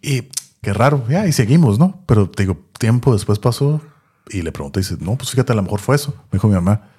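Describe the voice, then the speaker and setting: A man's voice: on the low side, animated, fast talker, warm tone, slightly rough. A man telling a personal story in a casual podcast chat, rambling and tagging his sentences with questions. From Tijuana, Mexico. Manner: rambling, repeats words, many tag questions. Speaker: podcast co-host.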